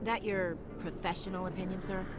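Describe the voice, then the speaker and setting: A woman's voice: mid-range voice, flat delivery, fairly quick, heavy background noise, lightly acted. An actress playing a wisecracking female soldier who talks in a teasing, sardonic way.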